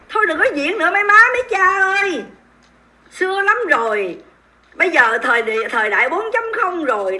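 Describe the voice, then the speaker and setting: A woman's voice: high voice, bright, forceful tone. A woman with a Southern Vietnamese accent hosting a livestream, commenting in an emphatic, indignant and mocking way and speaking straight to her viewers. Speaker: livestream host.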